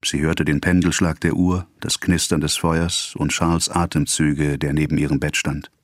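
A man reading a classic novel aloud as an audiobook narrator, in a measured, even storytelling manner. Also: very deep voice, dry recording, clean studio sound.

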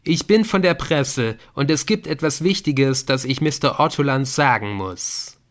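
A man voicing an excitable young man in an audiobook, talking urgently and emphatically. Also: mid-range voice, unhurried, voice pushed up, close to an everyday voice. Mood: insistent. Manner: urgent, emphatic, a little brash.

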